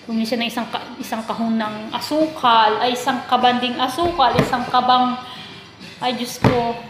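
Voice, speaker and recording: Filipina-sounding? no — just a chatty woman in her 30s, higher voice, talking into her phone, echoey kitchen, music playing behind. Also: steady tone, moderate pace. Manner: chatty, complaining, mixing English into Tagalog. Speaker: vlogger, overseas domestic worker. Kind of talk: casual chat to camera. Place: kitchen, indoors. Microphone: phone camera at arm's length. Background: background music.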